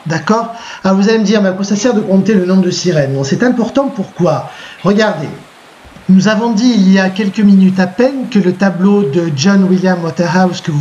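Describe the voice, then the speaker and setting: French-accented male teacher, high-ish voice, patient dictating tone, slightly dull recording. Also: warm tone, a little hiss or hum. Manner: dictates slowly, repeats himself, checks with "d'accord?". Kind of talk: recorded lesson with slides. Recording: muffled lo-fi recording.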